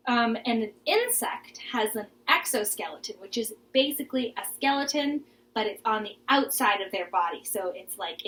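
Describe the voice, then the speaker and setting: Recorded indoors in a living room on poor audio, a young woman with a slightly high, somewhat bright voice leads a children's garden lesson. Her delivery is plain and instructive, encouraging listeners to take part.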